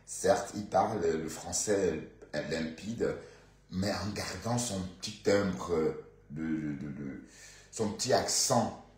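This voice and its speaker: A man with a Bandundu Congolese French accent rambles through casual gossip on a live stream, peppering it with fillers and asides to his viewers. His voice sits low. The room around him is echoey. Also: takes it slowly, a little mellow.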